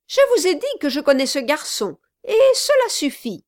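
A woman's voice: high voice, huge pitch swings, measured pace, slightly rough, pitched above the performer's own voice, heavily acted. A woman reading an audiobook, voicing a curt, commanding woman who cuts others short. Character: curt, domineering woman, a lawyer's sister.

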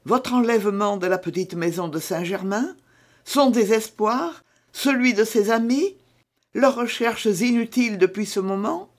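A woman's voice: medium pitch, unhurried, voice pushed up. A woman reading a novel aloud, voicing a cunning, guarded noblewoman who speaks insistently. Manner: hesitant, then cold and insistent. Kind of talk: audiobook character reading.

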